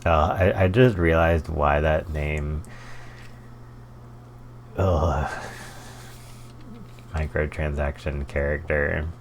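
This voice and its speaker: A man's voice: a bass voice, steady tone, takes it slowly, creaky, long pauses, a little hiss or hum. A man hosting a game playthrough with casual commentary and wry muttered asides. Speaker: gaming playthrough host.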